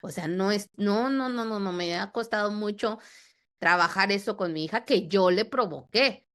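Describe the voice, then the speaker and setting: A woman in her thirties or forties with a Mexican accent, a podcast guest telling a personal story in a lively way that acts out the dialogue. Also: mid-range voice, moderate pace. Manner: animated, acts out dialogue with repetitions.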